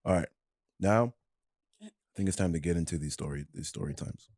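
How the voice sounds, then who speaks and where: Deep-voiced man hosting a chat podcast. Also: brisk, no echo, clean studio sound. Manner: relaxed, uses slang, eggs on the guest. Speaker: podcast co-host.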